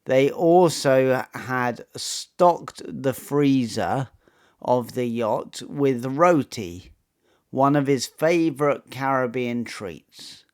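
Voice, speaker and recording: Male narrator, mid-pitched, crisp and unhurried; measured scripted storytelling. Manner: slow, measured, matter-of-fact storytelling.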